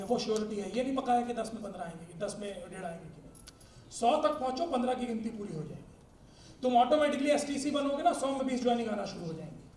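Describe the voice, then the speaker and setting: A man giving an energetic, joking sales training talk who often laughs as he speaks and uses cricket analogies. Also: extremely high pitch. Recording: echoey room, distant mic, faint noise.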